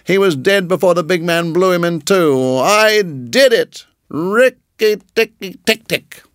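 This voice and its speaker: A man's voice: medium pitch, animated, slow, creaky, no room sound, clean studio sound. A man voicing a brave, boastful young male mongoose in a storybook reading, taunting and fierce. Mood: triumphant.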